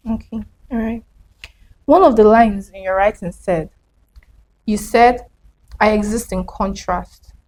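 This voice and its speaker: A young woman with an ordinary middle-pitched, slightly mellow voice reads her own prose slowly and reflectively in a spoken-word style. She then shifts into her host role and begins asking questions. The audio is poor.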